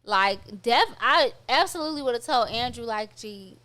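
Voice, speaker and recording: A woman's voice: fairly high pitch, lively intonation, normal speed, sharp tone. A young woman co-hosting a podcast in casual chat, laid-back and slangy, laughing often and acting out quotes. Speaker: podcast co-host.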